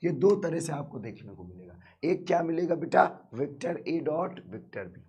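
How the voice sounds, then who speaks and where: A man's voice: on the high side, very animated, normal speed, darkish tone, breathy edge. A male math teacher with a sore throat, teaching a live online class, keeps asking students questions and calling them "beta".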